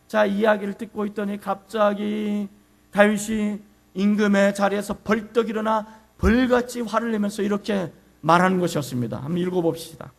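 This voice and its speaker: Gravelly high-voiced Korean pastor preaching. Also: male voice. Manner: dramatic storytelling, shouting quoted lines. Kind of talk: sermon. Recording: mains hum under the voice.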